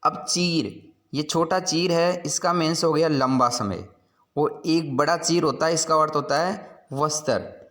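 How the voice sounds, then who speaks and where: A man's voice: fairly high pitch, measured pace, fairly bright tone. A man teaching a school lesson, patiently explaining word meanings and repeating each point.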